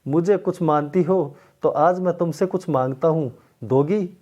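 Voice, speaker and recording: A man's voice: on the high side, unhurried, dark tone, highs cut off. A man doing a jovial joking father-in-law. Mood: playful. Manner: joking, playful.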